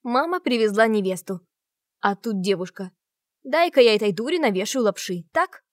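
Woman reading as a defiant sharp-tongued heroine. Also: on the high side, lively intonation, normal speed, no echo, studio quality, natural voice. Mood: heated sarcastic. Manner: raised voice, sarcastic. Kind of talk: audiobook character reading.

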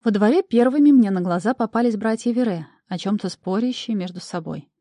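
A woman narrating a first-person audiobook in a lively, wry storytelling manner. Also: mid-range voice, fairly quick, dry recording.

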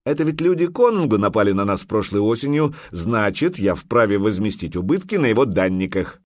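A man's voice: on the low side, sing-song, brisk, no room sound, clean studio sound. A man voicing a proud, hot-tempered Viking jarl who roars his commands. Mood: commanding. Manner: roaring, forceful commands.

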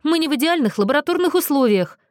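A woman's voice: high-pitched, lively intonation, quick pace, dry recording, studio quality, voice pushed up. A woman reading an audiobook, voicing a proud, desperate young nobleman who speaks urgently. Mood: agitated. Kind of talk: audiobook character voice.

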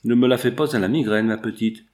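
Guy reading as a cocky parisian man about town, jovial and pushy, low voice. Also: quick pace, a little mellow, close to an everyday voice. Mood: bluff. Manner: jovial, coaxing and bluff.

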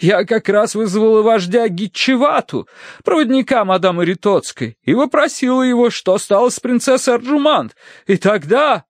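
A swooning, melodramatic society lady, as a male audiobook reader puts her on, fluttery and theatrical, stretching her words out. The voice is pitched far above the reader's own and swings widely, recorded close and dry. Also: animated, no echo. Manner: fluttery, theatrical, drawn-out sighs. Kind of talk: audiobook character voice.

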